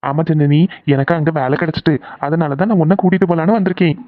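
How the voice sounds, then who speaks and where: A low-pitched young husband in a cartoon soothes his frightened wife with quick, teasing words, as a woman voices him. The sound is tinny and phone-like. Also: dry recording, close to an everyday voice. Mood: reassuring. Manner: reassuring, teasing. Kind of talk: cartoon voice acting.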